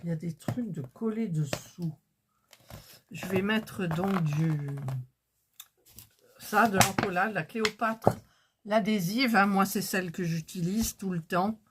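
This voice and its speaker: A woman's voice: medium pitch, takes it slowly, pauses often, noisy background. A woman chatting casually as she works on a craft project, thinking aloud with lots of fillers and restarts. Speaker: craft vlogger.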